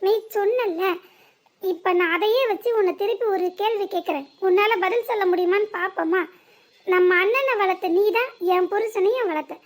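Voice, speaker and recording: A woman with a very high-pitched voice plays a calm young married daughter in a cartoon serial. The character lectures patiently, using long strings of rhetorical questions.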